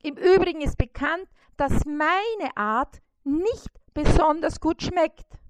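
A woman reading a storybook aloud and voicing a fussy, flustered male beetle delivery driver who talks high and fast. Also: dry recording, clean studio sound. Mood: prim.

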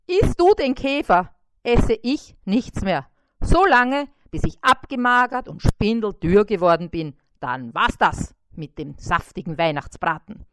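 A woman doing an excited, bossy little fly. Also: slow pace, clean tone, no room sound, exaggerated voice. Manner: excited, high and loud. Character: cheerful greedy male fly, talkative and bossy. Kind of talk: storybook reading.

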